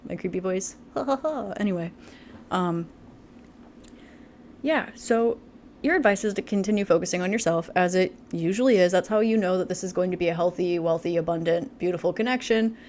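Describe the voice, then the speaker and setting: A woman's voice: on the low side, moderate pace, a little mellow, a little hiss or hum. A woman giving a casual tarot reading to camera, chatty and full of fillers, laughing often. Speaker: tarot reader.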